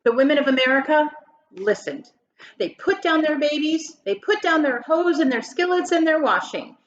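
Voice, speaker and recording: Her high-pitched voice full of lively intonation, a woman reads a picture book for children at a moderate pace, teacher-style, dramatizing lines and quizzing her audience. The audio sounds dull.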